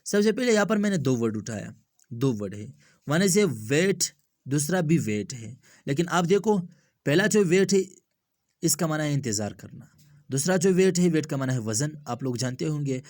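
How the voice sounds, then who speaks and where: A man teaching English homophones in a slow, repetitive explanatory lesson, spelling words out letter by letter and mixing English terms into Hindustani with Urdu vocabulary. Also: a little high, big pitch swings, a little mellow, no room sound, clean studio sound.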